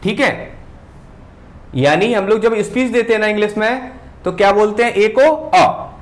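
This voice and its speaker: A male teacher giving a whiteboard grammar lesson, pausing and repeating words as he writes. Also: sits high. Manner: slow, repeats words while writing, often says "ठीक है".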